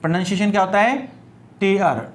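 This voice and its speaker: High-pitched male teacher. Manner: explains slowly, repeating words and spelling them out letter by letter. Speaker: English grammar teacher. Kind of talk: classroom-style lecture.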